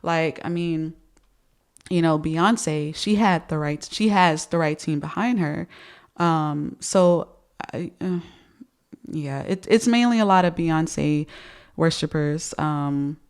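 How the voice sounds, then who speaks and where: A woman's voice: deep voice, slow pace, smooth. A woman in her thirties giving casual music commentary, speech slightly affected by dental retainers, hesitant and repeating words as she thinks.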